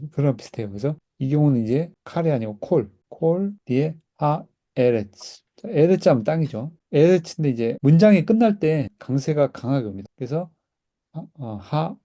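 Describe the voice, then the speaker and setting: Mellow guy teaching hebrew grammar, says words slow so the class repeats. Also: medium pitch. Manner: patient, repeats words for students to echo. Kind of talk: classroom language lesson. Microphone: recorded class, whiteboard teaching.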